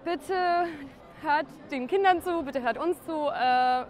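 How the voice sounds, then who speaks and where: A woman's voice: high voice, takes it slowly. A young woman, a climate protester, speaking earnestly in an outdoor street interview. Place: large plaza outdoors.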